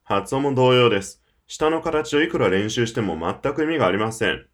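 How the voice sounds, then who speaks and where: A man's voice: medium pitch, lively intonation, moderate pace. A man presenting a scripted audio lecture for English learners, persuasive and emphatic, speaking straight to the listener.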